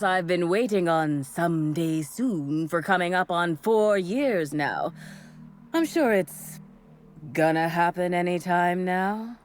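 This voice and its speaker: A woman voicing a devoted female cult assistant in a game, giving a chipper pitch that sags into tired resignation. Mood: resigned. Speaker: voiced game character.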